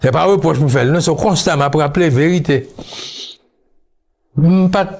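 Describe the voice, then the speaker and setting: A man from Haiti, speaking as an interview guest, recalling his childhood in a slow, musing way that mixes Creole and French. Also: a little high, a little mellow. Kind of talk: reflective interview talk.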